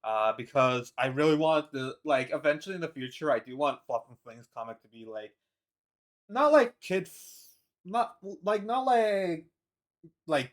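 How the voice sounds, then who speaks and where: On a live stream, a man chats casually about his comics, rambling with lots of restarts and fillers and laughing between thoughts. His mid-range voice is smooth and a bit bright.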